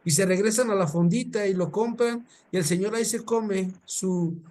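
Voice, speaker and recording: A Mexican male preacher tells a story in a colloquial, animated way, often repeating words. His voice sits fairly high. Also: normal speed. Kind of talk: storytelling sermon.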